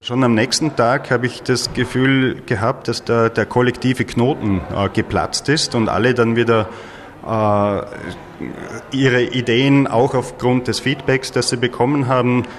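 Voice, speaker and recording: A man, the organizer of a festival, answering interview questions thoughtfully, pausing with fillers. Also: mid-range voice, fairly even intonation, a little hiss or hum.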